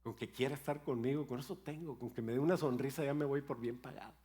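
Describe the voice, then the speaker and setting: A man's voice: medium pitch, fairly even intonation, quick pace, mellow. An older man, a pastor, preaching a sermon in a storytelling way with playful asides about his grandchildren.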